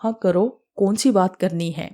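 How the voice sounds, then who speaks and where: A woman doing a young female ghost, vengeful and grieving, storybook horror, middle pitch. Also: dark tone, close to an everyday voice. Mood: tender.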